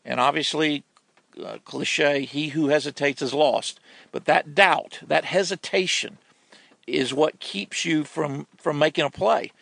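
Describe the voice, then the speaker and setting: A man giving football analysis on sports talk radio, his voice deeply gravelly and full of fry. He stresses his points hard, doubling words as he builds an argument, and the sound is close and dry. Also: unhurried, a bit bright, no echo. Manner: emphatic, repeats words when stressing a point.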